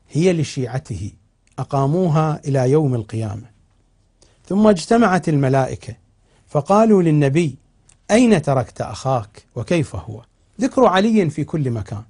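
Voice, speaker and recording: A man speaking as a cleric in a TV religious lecture, reciting old narrations and then explaining them slowly and with emphasis. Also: mid-range voice, darkish tone. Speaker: cleric teaching on TV. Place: television studio.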